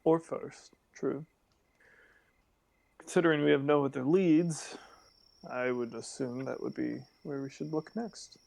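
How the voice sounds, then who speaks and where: A young man with a gravelly edge to his voice plays his character in a tabletop game. He talks in a dry, self-assured way, at an ordinary middle pitch. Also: fairly even intonation, a little slow, pauses often, a little mellow. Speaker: player.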